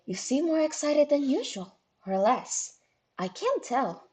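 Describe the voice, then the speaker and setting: A woman's voice: high voice, big pitch swings, a little slow, mellow. A woman voicing a composed, refined young female troll who speaks with precise, careful enunciation. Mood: dry.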